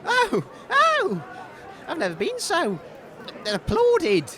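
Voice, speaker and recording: Over the sound of an outdoor crowd, a man portrays an eager but bumbling radio presenter conducting comic street interviews. His very high voice swoops widely in pitch, slow and heavily acted, as the character stays polite, unsure and easily rattled.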